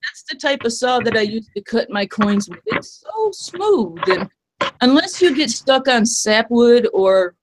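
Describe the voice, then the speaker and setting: A woman's voice: a little high, moderate pace, noisy background. A woman hosting a casual live stream, chatting and reading out viewer comments.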